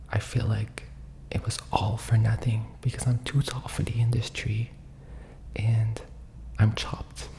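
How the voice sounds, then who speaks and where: A man in his twenties with a medium-pitched voice whispers an ASMR-style vlog while sitting on a floor indoors, dramatic and poking fun at himself. The recording is rough.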